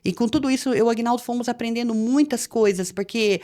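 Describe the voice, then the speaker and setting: A woman's voice: fairly high pitch, fast, warm tone. A woman pastor with a Brazilian Portuguese accent tells a personal testimony with earnest feeling, her voice rising when she relives the tense moments.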